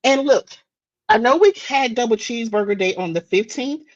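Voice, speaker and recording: A woman's voice: on the high side, normal speed, no room sound, highs cut off. Chatty American woman reading daily facts. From United States. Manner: chatty, with frequent restarts and fillers. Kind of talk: casual live-stream chat.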